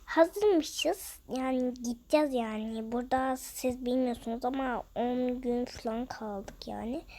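A woman with a high voice chats casually to her viewers while playing a game, ranting in an exasperated tone. Her talk is loose and conversational, with faint ambient noise behind her. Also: a little slow, mellow. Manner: exasperated, venting rants. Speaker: game vlogger.

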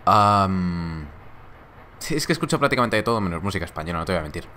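A young man chats on a live stream in a laid-back, joking way. His voice sits low but sounds bright and forward. A faint hiss stays under the talk. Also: lively intonation, quick pace. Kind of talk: casual live-stream chat reading viewer comments.

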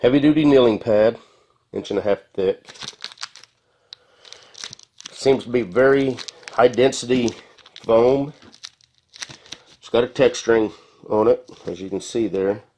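In a garage with a concrete floor, a home mechanic reviews a tool, recorded on a handheld phone with slight background noise. His mid-range, slightly mellow voice moves a little slowly, with long pauses. He rambles in a folksy way with plenty of fillers.

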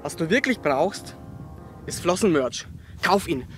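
A 26-year-old man playfully hosts an upbeat, scripted Q&A video, reading viewer questions with a tongue-in-cheek manner. His fairly high voice is expressive and measured in pace, with loud music playing behind him.

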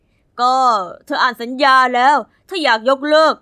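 A woman's voice: sits high, moderate pace, pushed and bright. A woman putting on a scheming male music producer. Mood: cold mocking. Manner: cold, mocking, pushy.

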